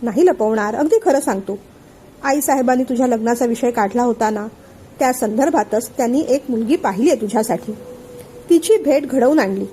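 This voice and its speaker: A woman voicing a calm older man who patiently explains and soothes his friend. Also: a little high, a little fast, slight background noise, natural voice. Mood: calm, persuasive. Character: calm older male friend and family elder.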